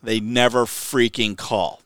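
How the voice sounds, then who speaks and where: A man co-hosting a podcast, telling a story in casual chat, animated and exasperated, laughing often. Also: medium pitch, slow, dry recording. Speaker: podcast co-host. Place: home.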